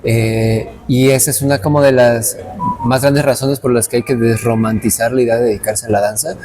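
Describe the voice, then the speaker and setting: Amid crowd noise, a man in his late twenties from Veracruz, Mexico, speaks at medium pitch with fairly even intonation and a moderate pace. A dance teacher, he talks reflectively and earnestly in a casual interview, often restarting his sentences.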